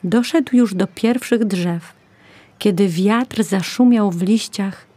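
A woman narrating a children's story in a gentle, measured way. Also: mid-range voice, dry recording.

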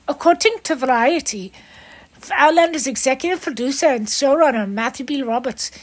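A woman's voice: sits high, low-quality recording. A woman hosting an entertainment news podcast, reading a script in an upbeat, playful way. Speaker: host.

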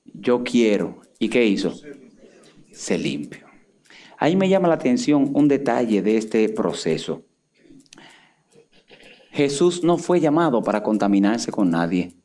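A middle-aged male pastor preaching a sermon, moving between hushed, intimate passages and soaring, impassioned peaks. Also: medium pitch.

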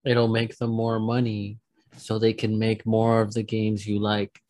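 A man co-hosting a casual gaming chat, giving quick, agreeable replies. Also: fairly low pitch, monotone, darkish tone, no room sound. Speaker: podcast co-host.

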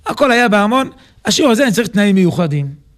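A man's voice: high voice, very animated, fairly bright tone. A man voicing a strict royal tutor who speaks firmly and commands. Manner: firm, commanding.

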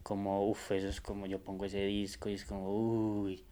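A man, a musician guest, talking in a relaxed, rambling way with many hesitant fillers. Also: on the low side, fairly quick. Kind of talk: casual conversation.

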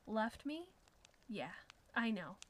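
A woman reading the lines of a cruel, menacing husband in a dark story, with a slow, taunting delivery. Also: a little high, big pitch swings, a little hiss or hum, heavily acted. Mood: mocking.

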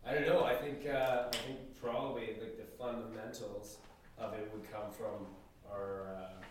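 A man, a band member, chatting casually in an interview, relaxed and rambling, laughing easily. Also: on the low side, slight background noise. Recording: echoey room from far off.

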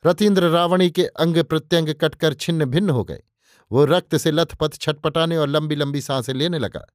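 A man's voice: fairly high pitch, moderate pace, no echo. A man narrating an audiobook in a vivid, declamatory storytelling style, close on the mic. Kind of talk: dramatic scripted narration.

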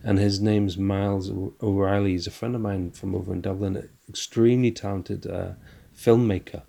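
A man's voice: sits low, fairly even intonation, normal speed, vocal fry, warm tone. A man with a broad, strong Scottish accent chatting casually and in a rambling, self-deprecating way as a podcast host. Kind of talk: casual chat.

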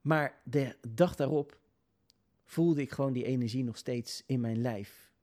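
A man telling a personal story in an earnest, hesitant way, pausing with many filler sounds and restarting his sentences. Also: medium pitch, dark tone.

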